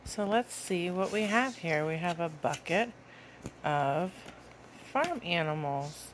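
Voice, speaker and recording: A woman with a lowish, animated voice speaks slowly over a little hiss or hum. Presenting a children's educational video, she talks to toddlers about toys in simple words, as if reading to them, using sing-song questions and a playful delivery.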